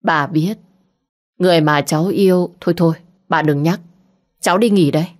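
A woman's voice: on the low side, moderate pace, lightly acted. Curt young heir, dismissive storybook figure, voiced by a woman.

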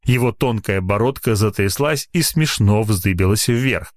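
A man narrating an audiobook with an expressive delivery, reading the story and moving between the character voices. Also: fairly low pitch, a little slow.

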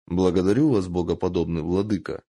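A man's voice: low-pitched, steady tone, a little fast, dark tone. A man voicing a scheming guard captain in an audiobook, mocking and menacing. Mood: deferential.

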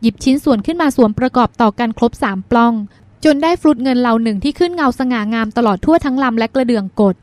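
High-voiced woman narrating a novel. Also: fast, darkish tone, no echo. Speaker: audiobook narrator.

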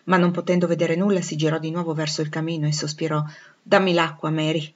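A woman narrating a classic novel aloud in a measured, expressive reading. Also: deep voice. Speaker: audiobook reader. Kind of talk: literary audiobook narration. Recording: dull lo-fi recording.

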